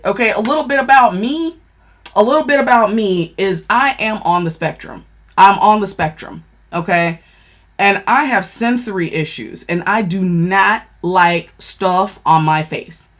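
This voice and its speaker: A woman talking casually on a livestream about makeup, chatty and excitable, swearing freely and addressing her viewers directly. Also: medium pitch, measured pace. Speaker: livestream seller reviewing makeup. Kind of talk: casual live-stream chat.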